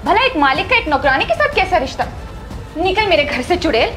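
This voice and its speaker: A woman's voice: very animated, a little fast, fairly bright tone, faint music behind, heavily acted. An actress playing a harsh, suspicious rich mistress who scolds her maid and her husband. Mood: accusing. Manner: scolding, shrill. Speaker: employer. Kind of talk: amateur drama acting.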